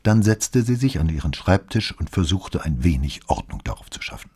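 A man reading a novel aloud as audiobook narrator, with expressive storytelling delivery. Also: sits low, normal speed, husky. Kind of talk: scripted narration.

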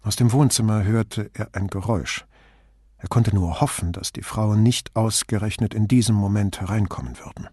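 Male audiobook reader, measured and even; husky tone, dry close sound. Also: lowish voice, no room sound. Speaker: audiobook narrator. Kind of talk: scripted narration.

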